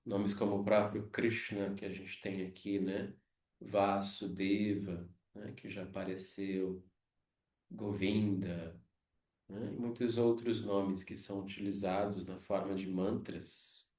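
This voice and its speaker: A Brazilian man teaching a yoga philosophy class, explaining slowly and checking in with frequent tag questions. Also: deep voice, level tone, darkish tone. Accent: Brazilian Portuguese. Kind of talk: lecture on scripture. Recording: echoey room, mic far off.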